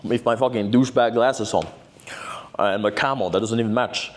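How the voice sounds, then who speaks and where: A man's voice: mid-range voice, brisk. A man, telling a story to camera in a brash, boastful, profane way, often tagging "right?" onto his sentences. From Norway. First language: Norwegian. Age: 20s. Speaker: vlogger. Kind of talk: casual storytelling vlog.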